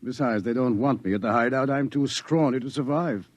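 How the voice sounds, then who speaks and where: In a 1950s radio drama, an actor plays a wry, grave male professor and scientist who explains the coming doom with some hesitation. His mid-range voice runs a little fast, lightly acted, with no echo.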